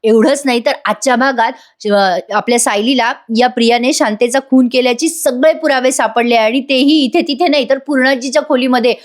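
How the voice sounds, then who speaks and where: A woman's voice: high voice, brisk, hardly any pauses. A woman with a Marathi accent giving a chatty voice-over recap of a TV serial, speaking directly to viewers. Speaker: TV serial reviewer.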